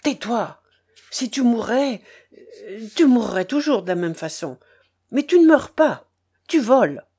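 A woman voicing a small boy who reproaches his grandfather with sharp, indignant cries. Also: on the high side, big pitch swings, measured pace. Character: small boy, fierce and frightened.

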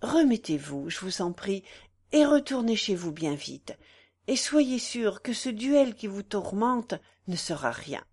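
A woman voicing a young nobleman who speaks gently and soothingly, in a slow audiobook reading. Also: mid-range voice, big pitch swings, slightly rough, heavily acted. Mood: gentle. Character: young nobleman, gentle and composed before a duel.

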